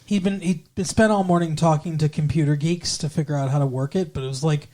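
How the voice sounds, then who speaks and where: A woman's voice: low-pitched, fairly even intonation, fast talker, dark tone. A woman co-hosting a podcast, recapping a TV episode in blunt, sarcastic casual chat and swearing freely. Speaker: podcast co-host.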